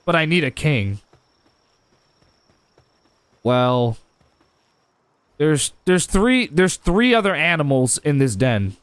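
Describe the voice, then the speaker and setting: A man hosts a casual gaming livestream, his voice lively and swinging up and down in pitch. He often repeats and restarts his words as he talks. The sound is dry and close. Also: slow, pauses often, smooth, no echo. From United States. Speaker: livestream host. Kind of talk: casual gaming stream chat.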